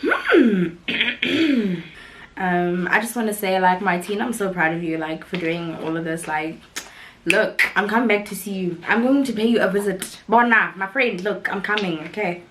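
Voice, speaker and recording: A young South African woman vlogging in a casual, chatty way, full of "like" and quick laughs, her voice rough from being sick. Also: medium pitch, a bit bright, slight background noise. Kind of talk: casual chat to camera.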